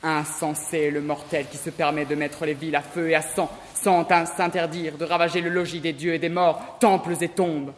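Sea god for stage tragedy, young male actor: high voice, solemn declamation, hall reverb. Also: level tone, moderate pace, few pauses, lightly acted. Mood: solemn, menacing. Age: young adult. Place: large theater stage.

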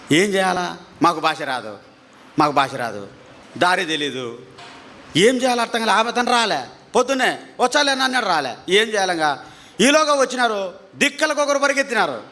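Emphatic man telling his testimony. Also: high-pitched. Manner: emphatic, repeats phrases, voice climbs when excited. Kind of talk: emotional testimony storytelling.

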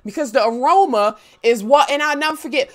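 A young woman chatting casually on a live stream, telling stories in an animated, profane way. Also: high-pitched, fairly quick. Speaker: gaming livestreamer.

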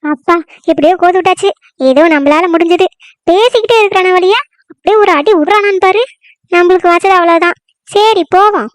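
A woman's voice: very high-pitched, a little fast, no room sound, studio quality. A woman voicing a scheming village mother-in-law in a cartoon, who talks meek and soothing but makes sly asides. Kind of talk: cartoon comedy voice acting.

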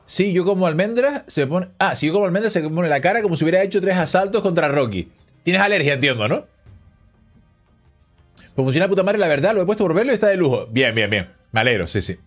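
This fairly quick, high-pitched man is streaming a card game from a small room at home, chatting casually as he plays. He's relaxed and talkative, reading out messages from chat and answering them into a headset mic, with faint music in the background.

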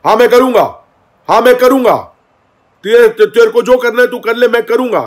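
A man imitating a hyper young man who yells back defiantly, repeating himself. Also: very high voice, normal speed, pitched above the performer's own voice. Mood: shouting defiant. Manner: loud, defiant, repetitive yelling. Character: hyper, shouting young man picking a fight.

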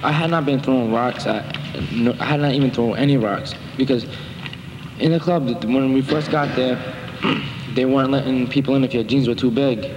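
This young defendant has a mid-range voice at a moderate pace, and his court testimony wanders defensively, full of fillers. The lo-fi audio comes from an echoey municipal courtroom with a faint hiss.

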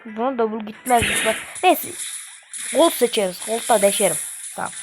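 A woman hosting a gaming channel, giving excitable, slangy live commentary and trash-talking the game as she plays. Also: a little high, normal speed. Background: game music.

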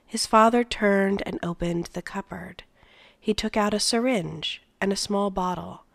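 A woman reading a novel aloud in a soft voice that often drops near a whisper. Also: mid-range voice, measured pace, creaky, no room sound. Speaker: read-aloud narrator.

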